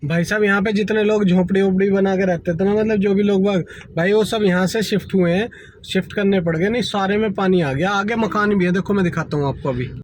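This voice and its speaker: A man in his thirties narrates a casual family vlog on a handheld phone camera, pointing out the floods around him. He talks chattily and keeps addressing the viewers directly. His voice sits high, and a faint hum of outdoor noise runs behind him. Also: fairly quick, rough recording. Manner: chatty, keeps calling viewers "bhai sahab". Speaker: family vlogger. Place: outdoors by flooded roads, partly from a car.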